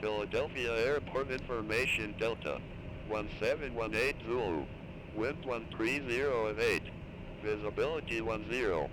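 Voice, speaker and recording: A man's voice: fairly low pitch, background noise. Male voice reading an airport weather broadcast. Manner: flat, measured, reading weather and runway numbers. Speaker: automated airport information broadcast.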